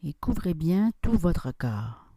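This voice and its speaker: In a close, dry recording with no room reflections or echo, a woman guides yoga nidra relaxation. Her soothing, mellow voice is slightly rough, and she speaks extremely slowly and softly. Long silences fall between her calm instructions.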